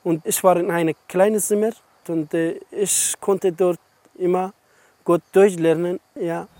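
Young Afghan man, halting German, outdoors. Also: sits high, fairly even intonation, dark tone, no room sound. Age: 20s. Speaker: interviewee. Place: outdoors in a refugee camp.

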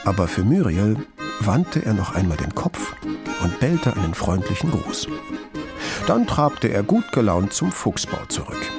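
A man's voice: lowish voice, sing-song, a little slow, music in the background. A man narrating a children's story expressively. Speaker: audiobook narrator.

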